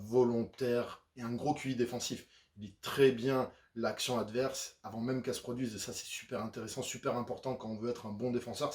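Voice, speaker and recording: A man's voice: medium pitch, a little mellow, reverberant. A man giving a casual, chatty breakdown of basketball, talking in a loose conversational way with frequent fillers. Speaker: basketball YouTuber. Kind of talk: casual sports analysis.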